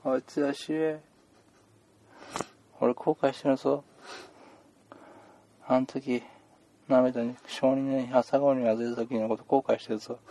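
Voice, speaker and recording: A man's voice: mid-range voice, fairly even intonation, slow pace, pauses often, mellow, a little hiss or hum. A man playing a chatty male doctor who rambles with puns and mock-stern scolding, in an improvised comedy role-play. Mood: playful. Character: chatty joking male doctor seeing patients.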